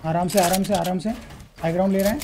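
Young Indian male streamer, fires off repeated team callouts over loud gunfire. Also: high voice, fairly even intonation, fast talker, background noise. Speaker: gamer streamer. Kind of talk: live gameplay callouts. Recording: loud gunfire game audio behind. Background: loud gunfire and clicks.

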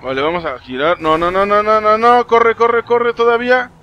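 A young man with a Mexican Spanish accent, giving live gameplay commentary, excitable and swearing often as he talks to game characters. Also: high voice, normal speed, clean tone, dull audio. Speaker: gaming streamer.

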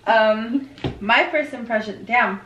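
Chatty late-twenties woman co-host, rambling and easily amused, a bit high, roomy room. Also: slow, fairly bright tone, muffled recording, slight background noise. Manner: chatty, rambling, laughs often. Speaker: podcast co-host. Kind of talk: casual chat among friends. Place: living room, indoors. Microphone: tabletop podcast mic. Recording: roomy living room sound.

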